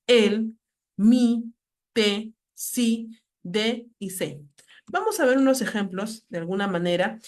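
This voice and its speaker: A woman lecturer giving a grammar lesson, slowly reading out example words with heavy stress. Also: medium pitch.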